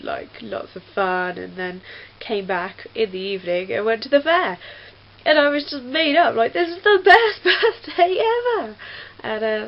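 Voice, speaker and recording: A young woman vlogger with a medium-pitched, creaky voice chats casually, rambling and using lots of fillers. The lo-fi webcam audio sounds dull, with a faint hiss.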